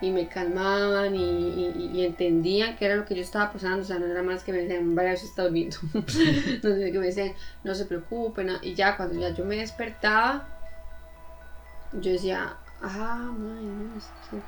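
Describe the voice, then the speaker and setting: A woman with a Costa Rican Spanish accent, co-hosting a podcast and telling stories in a lively, animated way. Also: mid-range voice, moderate pace, faint music behind. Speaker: podcast co-host. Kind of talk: casual chat.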